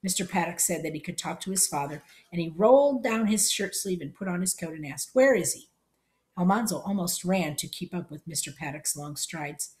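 A woman reading a storybook chapter aloud in plain, steady narration. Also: lowish voice, fairly quick, few pauses.

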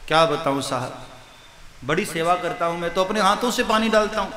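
A man's voice: high voice, a little fast, crowd noise, lightly acted. A man voicing a poor, sad, pious Brahmin who answers meekly, in an echoey hall. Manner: meek, pleading.

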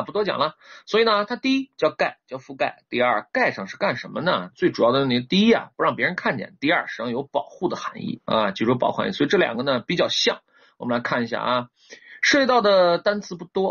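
A man teaching English word roots in a recorded lecture, lively and repetitive, drawing out English words slowly. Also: mid-range voice, gravelly, husky. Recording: dull lo-fi recording.

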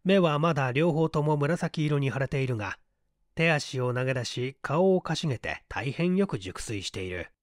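A man narrates a story aloud for a scripted audiobook in a mid-range voice. The recording is dry, with clean studio sound.

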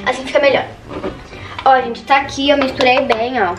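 A woman's voice: sits high, steady tone, normal speed, recorded from a distance, over music. A teenage girl vlogging from her bedroom at home. She chats nervously and keeps saying "gente" to her viewers. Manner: nervous, chatty, says "gente" constantly. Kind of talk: casual vlog chat. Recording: echoey room with background noise. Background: household noise.

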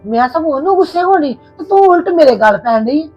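A woman's voice: sits high, expressive, brisk, a little mellow. A woman acting a mother who lectures and reproaches her daughter-in-law in a family drama. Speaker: actor playing a mother. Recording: slightly dull audio with music.

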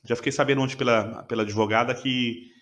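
A man's voice: medium pitch, steady tone, fast, a bit bright. Earnest man telling his testimony. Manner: earnest, emotional retelling with frequent restarts. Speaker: podcast guest. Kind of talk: personal testimony storytelling.

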